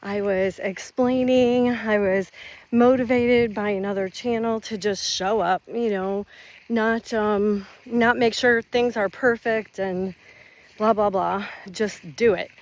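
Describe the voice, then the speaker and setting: A retired schoolteacher in her fifties strolls around her rural property and vlogs into a handheld camera. She talks slowly and loosely, rambling and drawing out her words. Her speech stays easygoing and chatty. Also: medium pitch, fairly even intonation. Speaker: retired teacher vlogger. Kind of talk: casual catch-up vlog.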